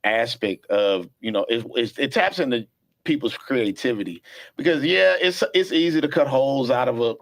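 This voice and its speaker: A middle-aged man hosting a podcast, telling stories casually with plenty of swearing and slow, drawn-out pauses while he thinks. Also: medium pitch, lively intonation, creaky, dry recording. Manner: laid-back storytelling, profane, drawls when thinking. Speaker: podcast host.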